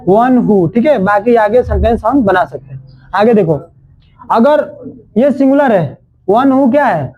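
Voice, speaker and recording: A man with a very high voice teaches a classroom grammar lesson. He drills each rule slowly, repeating phrases and prompting the class, with teasing scolds in between. The classroom recording sounds dull and lo-fi. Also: animated, breathy edge. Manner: scolds and jokes with students.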